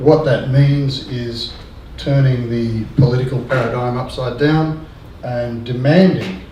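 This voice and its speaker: An older man with a warm, mid-range voice speaks earnestly on a discussion panel in a lecture room, often hesitating with ums and restarting his sentences. The room is echoey, and the distant mic picks up faint noise.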